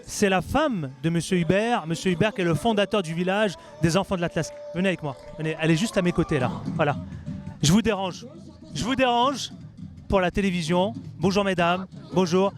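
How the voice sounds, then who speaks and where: A man's voice: high-pitched, a little fast. A man presenting and interviewing on location as a television reporter, in emphatic short phrases. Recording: faint music behind.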